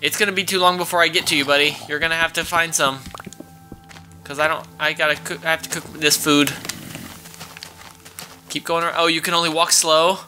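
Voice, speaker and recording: A man's voice: a little high, flat delivery, a little fast, long pauses, bright, forceful tone, faint music behind. A man casually commentating a video game he plays with his child, chatty and exclaiming as he thinks aloud. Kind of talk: casual let's-play commentary.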